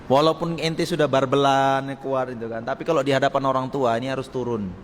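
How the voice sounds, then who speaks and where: A man teaching a mosque study circle. He talks in a lively way, acts out short quoted lines and chuckles often. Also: mid-range voice, brisk. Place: mosque hall. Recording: long hall reverb with faint noise.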